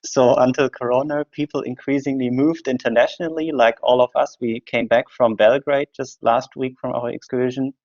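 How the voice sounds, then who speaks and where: A man's voice: mid-range voice, steady tone, moderate pace, hardly any pauses, a little mellow, no room sound, highs cut off. A man hosting a lecture discussion, asking questions in a conversational way with brief fillers. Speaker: lecturer and host.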